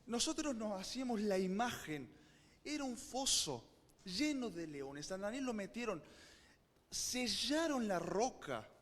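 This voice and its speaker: A man's voice: high voice, very animated, measured pace, fairly bright tone. A man preaching a sermon, emphatic and repeating key phrases for weight. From Argentina. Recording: church hall reverb.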